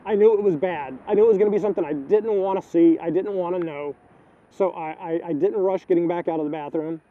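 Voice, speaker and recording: A middle-aged man in a personal video diary, halting and repeating words, choked up with grief. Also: high voice. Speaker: vlogger. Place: outdoors, filming the neighborhood. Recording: tinny phone-like audio, faint wind noise.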